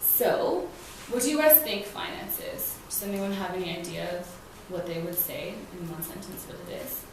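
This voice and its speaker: A woman's voice: lowish voice, normal speed. A young woman mentoring students, talking in a casual, chatty way with lots of fillers. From grew up in several countries, mostly New Zealand. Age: young adult. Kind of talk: informal talk to young students. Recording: echoey room, voice from far off, clear noise.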